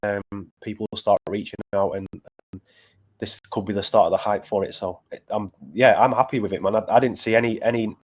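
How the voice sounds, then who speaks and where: Speaking in a lowish, slightly rough voice with fairly even intonation, a Northern English man from Preston, England, chats as a battle rapper interview guest. He's earnest yet halting, restarting many times.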